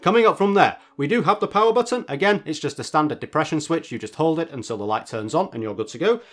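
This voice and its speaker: A man's voice: a little high, animated, fast talker. A man presenting a product review in a casual, chatty narration with wry asides.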